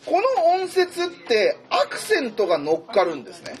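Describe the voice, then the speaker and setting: Lively high-voiced man explaining at a board. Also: moderate pace, crowd noise. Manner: chatty, loose, thinks aloud while explaining. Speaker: tutor. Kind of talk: casual whiteboard lesson.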